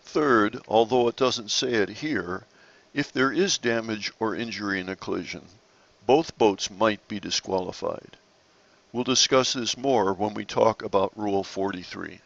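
A man narrating a slide-based lesson on sailing rules in a measured, explanatory way. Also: on the low side, creaky, fairly bright tone, highs cut off. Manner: measured, explanatory, occasional restarts.

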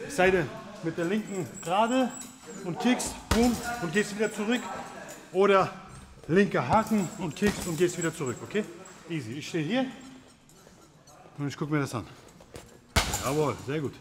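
A man in his thirties speaks as a fight coach, explaining and commenting casually. His voice is a bit high, with the clear chatter of a busy gym behind it. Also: expressive, normal speed, long pauses. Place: large busy martial arts gym.

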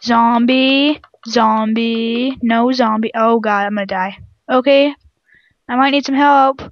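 A woman playing along in a casual game session, narrating her own moves with quick alarmed exclamations. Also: a little high, dry recording, dull audio. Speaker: co-player. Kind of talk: casual gameplay chat.

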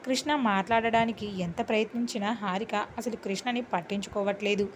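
Woman narrating a story at medium pitch. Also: fairly even intonation, fairly quick, a little hiss or hum, poor audio.

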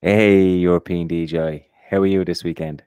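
A man hosting an investing podcast in a relaxed, casual way, often repeating his first words. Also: low voice, moderate pace, clear, resonant tone, no echo, faint music behind. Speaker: podcast host.

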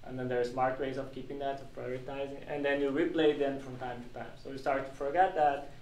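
Briskly and in a level, darkish, mid-range voice, a man presents technical material informally to a small meetup group. The setting is a small glass-walled meeting room, and the recording sounds echoey, with a distant mic and faint noise.

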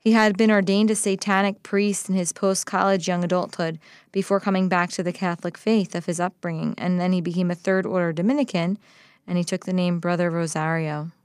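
A woman hosting a live show, chatting in a quick, playful way. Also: fairly low pitch, level tone, smooth, dry recording. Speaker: host. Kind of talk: casual chat. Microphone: studio mic.

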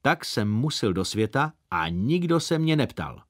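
A man voicing a grumpy, stingy shopkeeper father in an audiobook, talking in a gruff, grumbling way. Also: medium pitch, sing-song, dry recording, studio quality, lightly acted.

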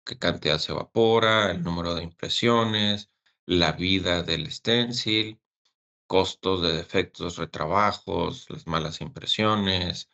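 A man presenting a technical webinar as a service engineer, speaking haltingly with fillers and repeated words over a webcam. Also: low-pitched, bright, forceful tone, dull audio.

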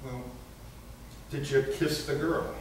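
A man's voice: a little high, steady tone, slow pace. An actor playing an anxious man in debt who talks defensively on the phone and snaps at a stranger, in a stage play. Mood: irritated. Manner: pleading, defensive. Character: anxious indebted man on the phone, then curt. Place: stage performance. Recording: echoey, distant, faint hiss.

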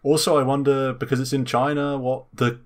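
A man's voice: medium pitch, level tone, brisk. A man hosting a casual gaming podcast, chatty and enthusiastic, with many fillers. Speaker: podcast host.

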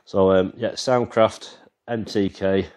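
Very deep-voiced English man demoing gear. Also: fairly even intonation, takes it slowly, a little mellow, clear, resonant tone. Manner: rambling, explains as he goes. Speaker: vlogger and band musician. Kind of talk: casual walkthrough demo. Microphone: handheld camera, freehand.

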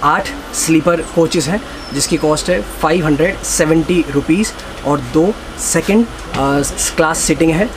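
A young man in his twenties gives an upbeat travel vlog, holding the phone at arm's length and reeling off figures. His voice sits fairly high. Station and train noise come through clearly behind him. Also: moderate pace. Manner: upbeat, explanatory, rattles off numbers and facts. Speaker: travel vlogger. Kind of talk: casual travel vlog narration. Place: railway platform and inside a train coach. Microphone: phone camera at arm's length. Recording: noisy station phone recording.

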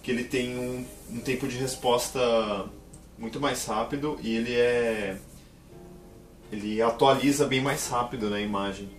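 A man's voice: medium pitch, far from the mic. Chatty man in an echoey room. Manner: excited, explanatory, chatty. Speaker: vlogger unboxing a monitor. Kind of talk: casual unboxing vlog. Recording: roomy echo, a bit off-mic.

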